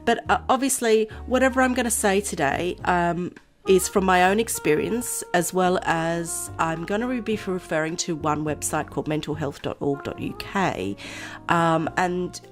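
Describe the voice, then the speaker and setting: A woman with a low voice, nasal and a little hoarse from a cold. She talks in a loose, rambling chat with frequent laughs, as if to friends on her channel. Faint music plays softly behind her. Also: moderate pace. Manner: chatty and rambling, laughs often. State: voice going hoarse. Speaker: vlogger. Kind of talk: casual chat to camera.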